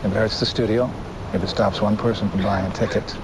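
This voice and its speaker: An actor playing a hard-nosed, matter-of-fact studio fixer in a film. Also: male voice, on the low side, steady tone, fast talker, heavy background noise, close to an everyday voice. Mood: firm.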